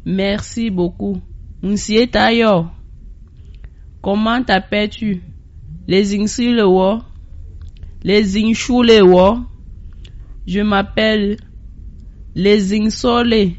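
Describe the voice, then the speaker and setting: A woman guest on the radio teaches her language, speaking slowly. She says each phrase and then explains its meaning. Her voice has a dull, lo-fi sound. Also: mid-range voice. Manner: slow, spells out each phrase and gives its meaning.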